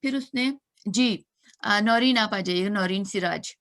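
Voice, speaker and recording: A woman's voice: medium pitch, measured pace, a bit bright. A woman teaching an online grammar class, patiently repeating and spelling out sounds. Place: online video class room.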